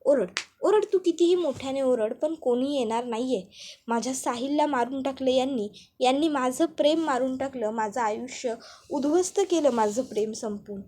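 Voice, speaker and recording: A woman's voice: high voice, moderate pace, mellow, a little hiss or hum, lightly acted. A woman voicing a scheming, spiteful villainess who taunts and threatens. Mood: bitter. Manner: mocking and threatening.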